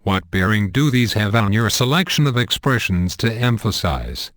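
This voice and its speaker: A man giving a scripted instructional narration in a measured, deliberate and earnest way. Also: lowish voice, lively intonation, fairly bright tone, no room sound, studio quality.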